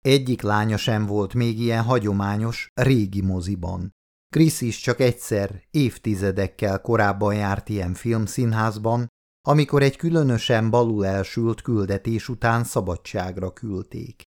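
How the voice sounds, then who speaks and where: Calm low-voiced male audiobook narrator. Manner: calm, measured reading. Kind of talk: scripted narration.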